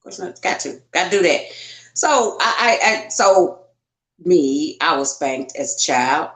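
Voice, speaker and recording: Woman, podcast co-host, very low pitch, expressive chatty storytelling, echoey room. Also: measured pace. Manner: expressive, reactive, storytelling with exclamations. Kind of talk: casual podcast chat. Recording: roomy echo.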